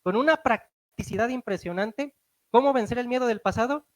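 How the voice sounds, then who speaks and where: A man with a Mexican accent preaching a sermon, animated, slowing and rising for emphasis, asking the congregation rhetorical questions. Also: very high voice, no echo.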